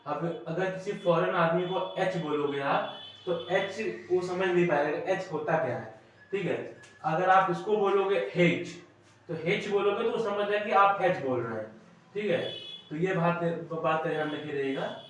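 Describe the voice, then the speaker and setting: A male teacher from India with a somewhat high voice gives a classroom lesson, explaining patiently. He pauses to make sure the students are following, often checking in with "ठीक है?". He is recorded from a distance in a very echoey room.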